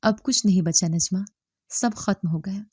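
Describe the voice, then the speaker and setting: Story figure: stern scolding father, dark tone, dry read, woman narrator doing the lines. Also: mid-range voice, no echo, lightly acted. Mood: defeated. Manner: scolding, bitter. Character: angry stern middle-aged father, harsh husband.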